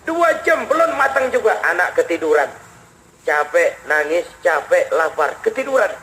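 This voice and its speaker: A man preaching a storytelling sermon, acting out the people in his story voices that swing from high wails to low murmurs. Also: sing-song, normal speed, bright, forceful tone, rough recording. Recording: faint background noise, old radio recording.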